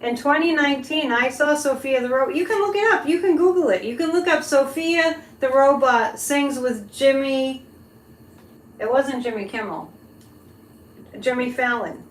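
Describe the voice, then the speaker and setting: A woman's voice: sits high, moderate pace. A woman hosting a casual psychic live stream, talking conversationally and directly to her viewers. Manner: conversational, addresses listeners directly. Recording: roomy echo, background noise.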